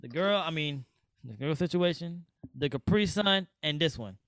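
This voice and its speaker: A man hosting a podcast, chatting casually in relaxed slang. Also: on the high side, moderate pace, clean tone, no echo. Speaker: podcast host. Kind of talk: casual chat.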